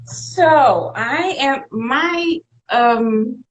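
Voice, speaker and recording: A woman's voice: sits high, very slow, a little hiss or hum, rough recording. A woman in her forties from Suriname, Dutch by first language, with a Dutch accent, talking frankly and reflectively as an interview guest. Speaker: guest entrepreneur. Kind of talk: casual interview chat.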